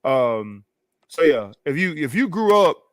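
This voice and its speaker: A man's voice: a little high, sing-song, measured pace, dry recording, clean studio sound. A man from Fort Worth with a Texan accent, hosting a casual chat show and rambling while he reads out viewer comments. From Texas, Fort Worth. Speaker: podcast host.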